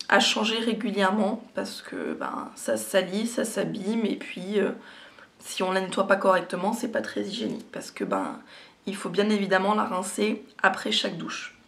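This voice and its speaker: Slightly hoarse woman vlogger, voice giving out. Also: medium pitch, sing-song, normal speed, fairly bright tone. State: slightly hoarse, cracked voice that gives out. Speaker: beauty vlogger. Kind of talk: casual product chat to viewers.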